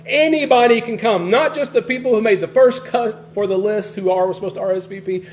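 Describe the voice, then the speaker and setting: High-voiced preacher, lively and conversational. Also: male voice, fairly quick, a little hiss or hum. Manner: conversational, animated, frequent restarts, varies loudness widely. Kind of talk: sermon.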